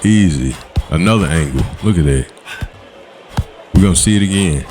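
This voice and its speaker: Over his own gameplay footage, a gaming channel host adds voice-over recorded separately, coaching in a laid-back, slangy style punctuated by quick "boom" call-outs. His voice is low yet animated, and the background is noisy.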